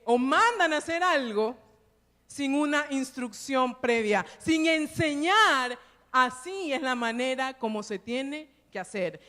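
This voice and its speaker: High-voiced woman pastor preaching in a church. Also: a bit bright. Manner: storytelling with rhetorical "¿sí?" tag questions. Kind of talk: sermon. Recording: long church reverb.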